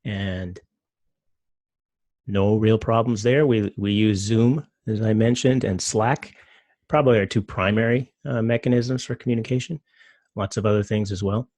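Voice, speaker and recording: A middle-aged man talks through his slides in a loose, rambling way, with plenty of fillers. His voice sits low and carries a gravelly edge. The recording is dry and close, with no room sound. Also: steady tone, moderate pace, darkish tone, no room sound. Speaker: presenter. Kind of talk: casual talk with slides.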